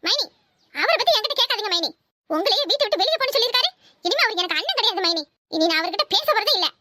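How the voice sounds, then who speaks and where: A woman's voice: very high voice, very animated, bright, forceful tone, a little hiss or hum, exaggerated voice. A woman voicing a scheming, bossy young married woman in a cartoon, talking with a Kanyakumari Tamil accent. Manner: bossy, scolding, fast chatter. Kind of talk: cartoon voice acting.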